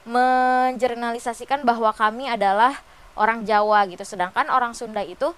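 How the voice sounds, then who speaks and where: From her bed, a young vlogger from West Java, Indonesia, chats casually with her followers while sick with a cold, her nose stuffy and her voice nasal. She talks a little fast, full of fillers, in a slightly high, fairly bright, clean voice with fairly even intonation.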